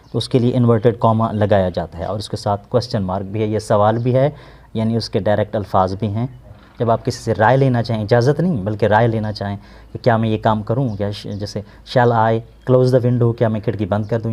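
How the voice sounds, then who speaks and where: A male English teacher with a Pakistani accent walks students through a lesson in Urdu. He speaks slowly and hesitantly, often stopping to search for a word. His voice is mellow and warm. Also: lowish voice. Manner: slow, explanatory, with many hesitations.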